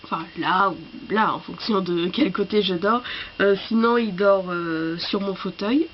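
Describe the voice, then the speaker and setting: A woman with a cold, coughing now and then, who talks to camera about books in a halting, apologetic way. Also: mid-range voice, muffled recording, slight background noise. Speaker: book vlogger. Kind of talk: casual chat to camera.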